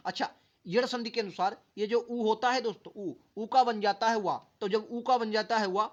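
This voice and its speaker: A man's voice: high-pitched, steady tone, normal speed, dull audio. A male teacher giving an exam-prep grammar lesson, sounding words out syllable by syllable and asking the students questions again and again. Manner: drills words aloud, repeats them syllable by syllable.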